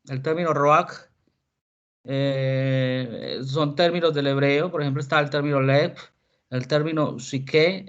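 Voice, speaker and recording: A male philosophy teacher giving an online class, his voice sitting a little high. He explains patiently and keeps checking that the students follow. The call audio is muffled and lo-fi. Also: a bit bright. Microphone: video call.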